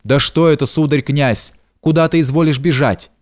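A man voicing an old, kindly house steward who speaks in a homely folksy way, slow and soothing, in an audiobook. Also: a little high, close to an everyday voice. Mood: fretting. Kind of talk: audiobook character reading.

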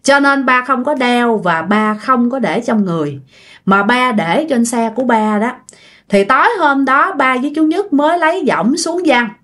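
Lively Southern Vietnamese woman storyteller. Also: fairly high pitch, normal speed. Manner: chatty, addresses listeners directly. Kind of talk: casual ghost story narration.

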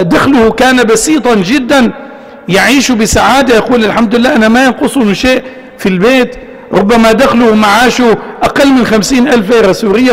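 A male preacher delivers a fervent sermon in a high voice. He speaks quickly and keeps repeating his key phrases for emphasis. The sound rings with the long reverb of a large hall. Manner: fervent, exhorting, with emphatic repetition.

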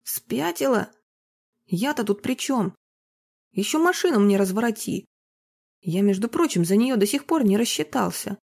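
A blunt, grumbling man who plays saxophone for a living, as a female reader puts him on. The voice is low-key, mellow and husky, like a figure in an audiobook. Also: expressive, normal speed. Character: Karlusha, gruff grumbling male saxophonist.

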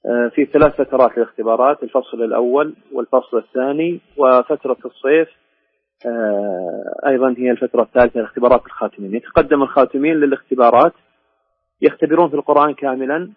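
A man gives a formal, courteous interview over a thin, phone-like line. He talks fast in a husky voice of average pitch. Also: no echo. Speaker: interview guest, education department director.

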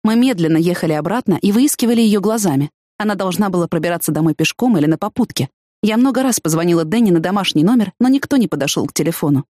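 A woman reading a first-person audiobook narration in an even, measured storytelling manner. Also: on the low side, dry recording, clean studio sound.

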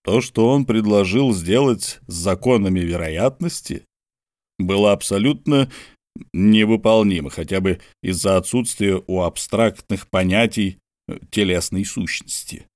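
A man's voice: fairly low pitch, a little slow, a little mellow, no room sound, studio quality. Wry male audiobook narrator. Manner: wry, ironic storytelling. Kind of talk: scripted story narration.

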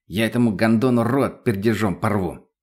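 A man's voice: on the low side, moderate pace, slightly rough. A man voicing a crude, mocking drug addict who swears constantly. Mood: cocky. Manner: foul-mouthed, cocky, mocking.

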